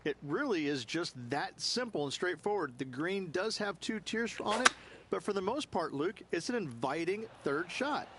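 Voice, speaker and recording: A man's voice: high-pitched, lively intonation, normal speed. A man giving golf broadcast commentary as a course analyst, conversational and emphatic. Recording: clear background ambience noise.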